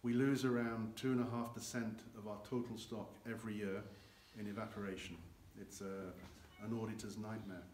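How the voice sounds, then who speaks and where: With a lowish, darkish voice and a level tone, an older man explains cognac aging at a moderate pace with few pauses. He works as a guide in a dim, earthen-floored barrel warehouse and uses both hands to gesture. The clip, filmed by a camera a few meters away, has warehouse echo and faint noise.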